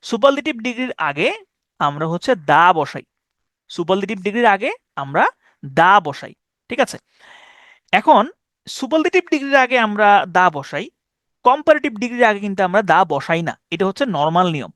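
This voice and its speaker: Guy teaching english grammar online, pretty high voice, dry close sound. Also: big pitch swings, a bit bright, dry recording. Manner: explains step by step, reads example sentences slowly, asks "ঠিক আছে?". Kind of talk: online lecture. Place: online class over Meet and Zoom.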